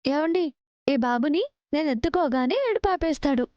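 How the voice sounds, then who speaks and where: A woman's voice: high-pitched, normal speed, lo-fi sound, lightly acted. An actress playing a cheerful young wife who teases her husband in a TV serial. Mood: teasing. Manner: playful, teasing. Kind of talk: TV serial acting.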